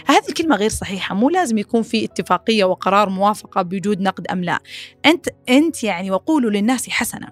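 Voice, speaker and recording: Rapid animated woman podcast host. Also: soft background music. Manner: animated, acts out quoted critics in a higher voice; rapid, repeats phrases, many fillers. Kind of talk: casual advice talk.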